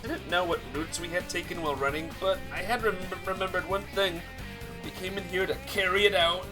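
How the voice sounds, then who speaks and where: Reading a visual novel's narration out loud in a dramatic style, this playthrough host trips over some of the words. His voice sits high and moves fairly quickly over the game music.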